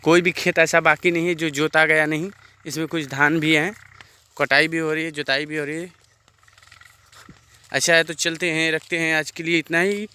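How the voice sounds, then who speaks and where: A man's voice: a little high, flat delivery, moderate pace, pauses often, bright, forceful tone, smooth. A man vlogging outdoors beside farm fields, coaxing a little girl along and dropping simple English phrases into his talk. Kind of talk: casual outdoor vlog.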